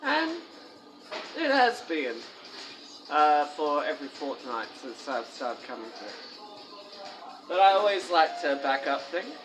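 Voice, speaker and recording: A man's voice: a little high, sing-song, slow pace, pauses often, rough recording. Rambling man eating and complaining. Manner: rambling, complaining, laughs often, talks with mouth full. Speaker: vlogger. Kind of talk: casual chat to camera. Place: fast food restaurant. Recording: music playing in the background. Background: background music.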